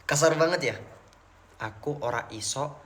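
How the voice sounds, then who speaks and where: On a casual live stream, a young man from Mecca, Saudi Arabia, answers questions from viewers and switches languages as he goes. His voice is a little high and fairly bright, at a moderate pace.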